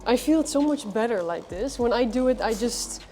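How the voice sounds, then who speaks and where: Higher-voiced woman hosting a gym vlog. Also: expressive, brisk, warm tone, faint music behind. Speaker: vlog host trying a workout. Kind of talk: casual vlog chat. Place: indoor gym.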